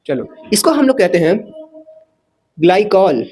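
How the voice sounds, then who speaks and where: A man's voice: high voice, sing-song, a little slow, darkish tone, breathy edge. A man teaching chemistry in a casual lecture, chatty, asking questions and correcting himself as he writes.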